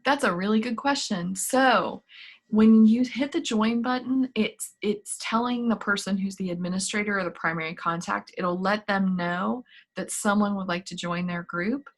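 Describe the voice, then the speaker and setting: A woman's voice: medium pitch, normal speed. A woman on staff hosting a virtual campus meeting in an upbeat, chatty, encouraging way over a video call. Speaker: student activities staff host. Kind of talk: casual virtual meeting talk.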